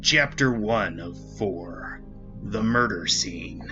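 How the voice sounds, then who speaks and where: A man putting on a gruff hard-boiled detective. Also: lively intonation, lo-fi sound, over music. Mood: gruff, brooding. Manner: low, slow, hard-boiled storytelling. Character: gruff weary male homicide detective narrator.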